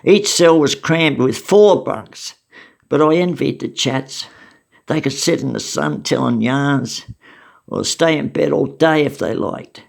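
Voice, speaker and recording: A man's voice: on the high side, takes it slowly, creaky. An older Australian man telling memories from his past in a wry, matter-of-fact, casual way. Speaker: storyteller recounting memories. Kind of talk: casual spoken memoir.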